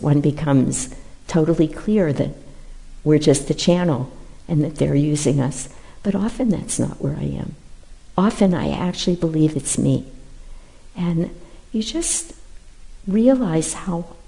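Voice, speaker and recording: A woman with a low, gravelly, mellow voice gives a casual Sunday sermon in a big church. She tells self-deprecating stories and speaks to the congregation as if chatting. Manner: conversational, self-deprecating storytelling. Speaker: minister leading a Sunday service. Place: large church.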